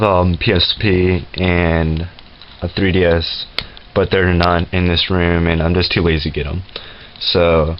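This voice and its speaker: A man with a deep, low voice talks casually through his collection at home, stopping often for fillers and quick self-corrections. The sound is dull and lo-fi, with loud noise over it from the camera's built-in mic. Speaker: game collection vlogger. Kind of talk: casual show-and-tell vlog. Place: room in a home.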